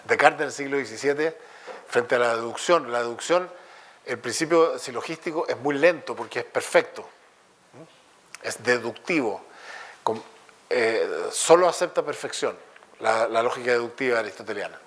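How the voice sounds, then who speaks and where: A man with a Chilean accent giving a public lecture, telling lively stories and jokes. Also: mid-range voice, moderate pace. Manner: lively storytelling with jokes and acted dialogue.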